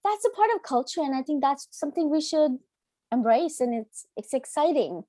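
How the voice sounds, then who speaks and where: A woman, a teacher chatting earnestly as a podcast guest, often pausing on "um". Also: high voice, animated, no echo, clean studio sound. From Canada. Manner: warm, earnest, with frequent "um" fillers. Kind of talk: casual interview chat.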